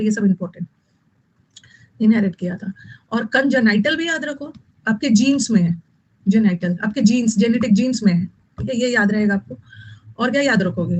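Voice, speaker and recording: A woman's voice: fairly high pitch, a little mellow, husky, lo-fi sound. Woman teaching vocabulary, repeating words. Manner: scolding, repeats key words, mixes English terms into Hindi. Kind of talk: online exam-prep lesson.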